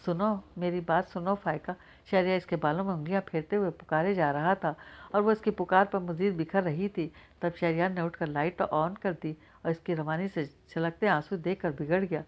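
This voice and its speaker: A woman narrating a novel in a steady, measured reading. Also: fairly low pitch. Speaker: audiobook narrator.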